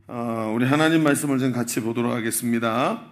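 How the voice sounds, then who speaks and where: A man's voice: mid-range voice, fairly quick, music in the background. A man who is the senior pastor, preaching a sermon and telling jokes along the way. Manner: jokey dialect humor, then earnest preaching.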